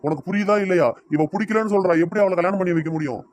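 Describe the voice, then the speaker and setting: Doing cartoon voice acting with a Tirunelveli Tamil accent, a man plays a stubborn middle-aged father heatedly scolding his wife during an argument. His voice is high and rapid-fire, close to an everyday voice, in a dry recording.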